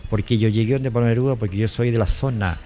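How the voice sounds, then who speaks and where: A man's voice: lowish voice, steady tone, fast talker, a crowd in the background. An older man with a Chilean accent giving a rambling personal testimony, often repeating himself and quoting what others said. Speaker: interviewee, former driver.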